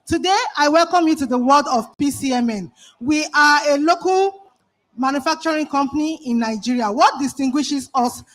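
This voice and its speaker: A woman's voice: high voice, lively intonation, moderate pace, low-quality recording. A woman giving a company presentation at an event, earnestly putting questions to the audience over a microphone. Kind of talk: public presentation. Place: exhibition event hall.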